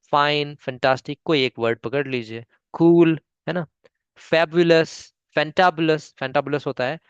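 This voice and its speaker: A man's voice: medium pitch, clear, resonant tone, dry recording, muffled recording. A man with an Indian accent teaching spoken English online, breaking long words into syllables and checking in often with his students. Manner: patient, repeats "ठीक है?" often, spells words syllable by syllable.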